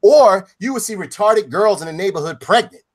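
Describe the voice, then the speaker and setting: A man co-hosting a podcast, talking in a loud, profane, casual way and often laughing at his own bits. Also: high voice, expressive, normal speed. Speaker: podcast co-host. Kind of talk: casual crude chat.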